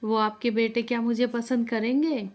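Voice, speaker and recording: A woman's voice: little pitch movement, moderate pace, close to an everyday voice. A woman voicing a grieving, orphaned young woman who pleads through tears in a storybook tale. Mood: tearful pleading. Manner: high, crying, pleading.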